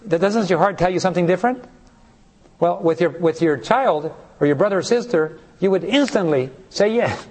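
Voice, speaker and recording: A man's voice: sits high, a little fast, a little mellow. A man preaching a sermon who keeps asking the congregation rhetorical questions and briefly acts out the people in his stories. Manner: acts out short voices in stories.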